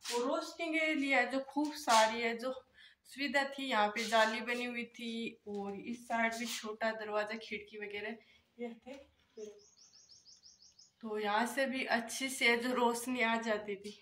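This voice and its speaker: Holding her phone at arm's length, a young vlogger gives a relaxed walking tour of an old empty brick house, moving between indoors and outdoors. Her voice is a little high and a bit bright, with fairly even intonation and a slightly slow pace. She talks to viewers as friends, full of filler phrases, over slight background noise.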